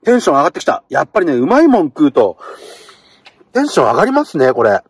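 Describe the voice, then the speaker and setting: A middle-aged man talking casually to the camera from inside a parked car, getting excited while he eats. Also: fairly high pitch, quick pace, slightly rough, no room sound. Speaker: vlogger. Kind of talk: casual car-camping vlog.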